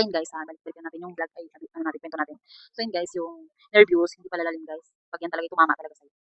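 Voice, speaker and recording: A woman's voice: mid-range voice, bright, forceful tone, dry recording. A woman tells a rambling personal story to her viewers in a casual vlog. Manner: rambling, chatty, keeps saying "guys". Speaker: vlogger. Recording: dull lo-fi sound.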